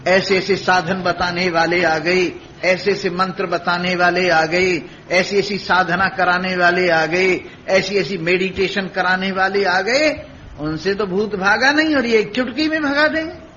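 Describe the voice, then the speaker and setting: A man's voice: high-pitched, fairly even intonation, measured pace, pushed and bright. A man giving a spiritual discourse, telling stories and acting out the dialogue with repeated, rhythmic phrases. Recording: dull lo-fi recording with faint hiss.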